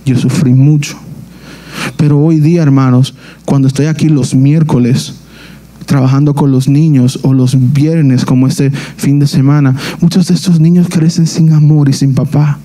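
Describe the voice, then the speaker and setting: A young man preaches in a church with a very dark, mellow voice pitched a little above the usual. He speaks earnestly and haltingly, often restarting his phrases as he shares a personal testimony. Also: fairly even intonation. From Dominican Republic.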